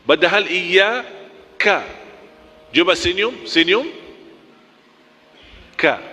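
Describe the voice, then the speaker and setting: A man's voice: high-pitched, animated, normal speed, sharp tone, long reverb tail. A man teaching Quran recitation, drilling letters one by one and chanting examples, correcting sharply.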